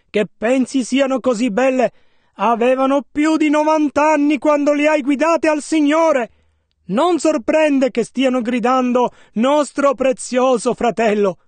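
A man interpreting a sermon, rendering it phrase by phrase in a measured, careful way. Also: very high voice, dry recording.

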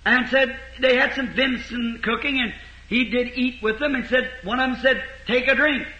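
A man delivers a sermon as a rambling folksy story. His voice sits very high and sounds sharp and bright. The recording is roomy, with echo all around him. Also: steady tone, normal speed, highs cut off. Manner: folksy, rambling retelling with repeated "he said". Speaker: preacher.

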